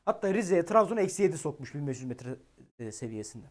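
A man giving live-stream weather commentary, excitable and exasperated, talking directly to his chat. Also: on the high side, fast.

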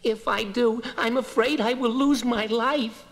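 Scared young noble, high, soft n pleading. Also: male voice, fairly even intonation, a little slow, heavily acted. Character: frightened young male nobleman, timid. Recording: music behind.

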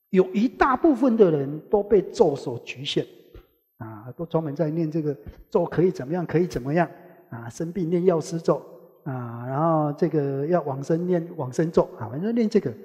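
A man giving a rambling Buddhist scripture lecture, opening many phrases with a drawn-out "ah" and chanting bits of mantras as he goes. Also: expressive, warm tone. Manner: chants mantras in passing, rising in pitch when making a point. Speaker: Buddhist teacher. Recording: long hall reverb.

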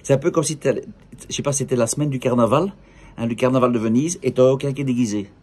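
A man's voice: medium pitch, quick pace, a little mellow, breathy edge. A middle-aged man with a Belgian French accent, chatting in a rambling, jokey way, vlogging from an outdoor café terrace. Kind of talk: casual direct-to-camera monologue.

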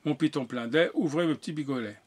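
A man voicing a sly, menacing big bad wolf in a fairy tale, gruff and muttering. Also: a little high, quick pace.

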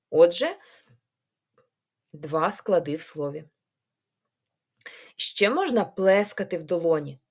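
Woman teacher with a Ukrainian accent, slow patient sing-song delivery for young children, clapping out syllables. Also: medium pitch, darkish tone. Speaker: primary school teacher. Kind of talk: remote lesson for young children.

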